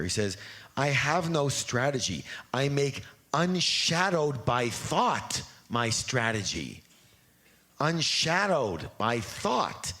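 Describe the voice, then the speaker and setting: A man addresses a live seminar audience, his pitch leaping around expressively. He drifts into rambling stories and acts out his own inner voice. He also leads the room in call-and-response chants. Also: fairly bright tone. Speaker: seminar trainer.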